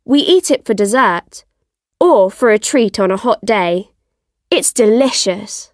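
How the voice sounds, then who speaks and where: A woman reading the part of a cheerful young girl in a slow, careful textbook style for learners. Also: mid-range voice, expressive, no echo, clean studio sound, close to an everyday voice. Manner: slow, lilting textbook delivery.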